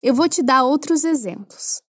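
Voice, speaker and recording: A Brazilian woman teaching French to Portuguese speakers, explaining clearly and patiently with playful asides. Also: high voice, lively intonation, normal speed, no echo, clean studio sound. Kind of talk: language lesson for Portuguese speakers.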